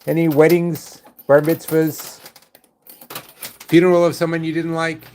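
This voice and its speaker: A man's voice: on the high side, completely flat delivery, unhurried, darkish tone, slight background noise. Wisecracking older man chatting to viewers. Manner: dry, wisecracking asides to viewers. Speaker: live-stream host. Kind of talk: casual live-stream chat.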